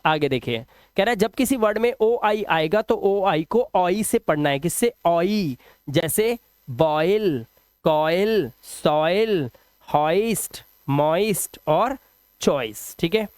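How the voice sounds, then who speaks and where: A man teaching English phonics rules in a video lesson, patiently repeating example words slowly and quizzing the viewer. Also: high voice, lively intonation, a little mellow, smooth, dry recording.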